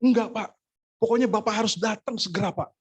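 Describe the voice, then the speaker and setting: A frantic woman pleading over and over for help, as a male preacher puts her on in a story. The voice is pushed up high and sounds a little husky. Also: brisk. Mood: urgent pleading. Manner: pleading, insistent. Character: frantic middle-aged woman begging for prayer.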